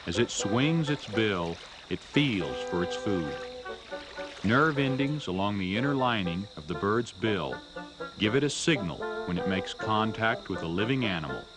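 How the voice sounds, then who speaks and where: A man narrating a scripted nature documentary in a measured, storytelling way. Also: fairly low pitch, expressive, music in the background, rough recording.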